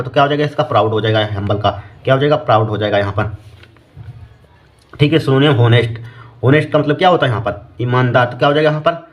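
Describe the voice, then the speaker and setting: A man teaching an exam-prep lesson who keeps asking and answering his own questions. He reads English exam questions aloud slowly, word by word. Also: mid-range voice. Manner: repeats "here" and "okay" constantly, asks and answers his own questions.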